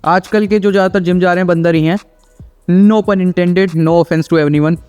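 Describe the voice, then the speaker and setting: A man's voice: high-pitched, steady tone, unhurried, darkish tone, faint music behind. A man giving casual, teasing commentary on gym videos, explaining technique and often checking in with "theek hai". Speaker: fitness video reactor and host.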